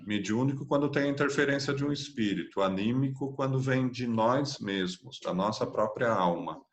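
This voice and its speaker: A man's voice: mid-range voice, moderate pace. A man with a Brazilian Portuguese accent teaching an online spiritist course, explaining patiently and often checking in with tag questions. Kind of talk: online class lecture.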